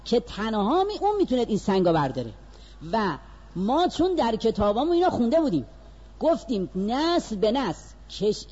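Animated male preacher, high lively voice. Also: husky, lo-fi sound. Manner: animated, swings between slow stressed phrases and quick asides. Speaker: religious lecturer. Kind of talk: storytelling religious lecture.

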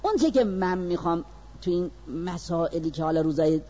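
A man giving a religious lecture, telling a story with animated delivery that moves between slow, stressed phrases and quick asides. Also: a little high, dull audio.

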